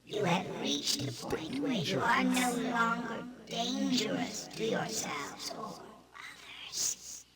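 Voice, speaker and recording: Alien envoy: whispery, gravelly, very slow, heard echoing from far off in game audio. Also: female voice, a little high, very animated, over a noisy crowd. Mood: solemn. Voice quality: whispery, creaky. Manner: slow, measured, formal delivery. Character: alien envoy, calm, solemn, otherworldly. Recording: echoey, distant game audio.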